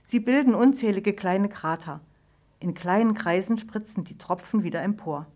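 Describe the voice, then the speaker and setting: Calm woman reading a storybook. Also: mid-range voice, moderate pace. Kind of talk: scripted audiobook narration.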